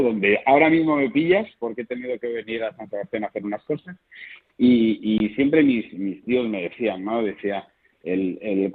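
A man's voice: medium pitch, slightly rough. A man, a clown being interviewed, telling stories in a chatty way. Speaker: interview guest. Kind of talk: phone interview. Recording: tinny phone line.

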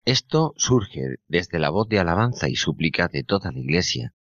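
A man co-hosting a radio program, reading a scripted spiritual reflection in a measured, solemn way. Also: deep voice, big pitch swings, gravelly, fairly bright tone, no echo, muffled recording. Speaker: radio co-host.

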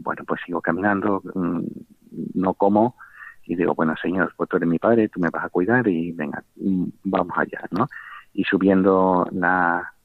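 Low-voiced Sevillian man, halting gentle testimony, dry tinny radio sound. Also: creaky, dry recording. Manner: halting, many fillers and tag questions, gentle. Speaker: layperson giving a faith testimony. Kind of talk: spoken personal testimony. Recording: tinny phone-like radio broadcast.

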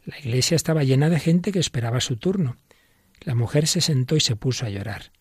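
A man hosting a religious program, reading a story in a calm, measured narration. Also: mid-range voice, husky, no echo, studio quality. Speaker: host of religious radio program.

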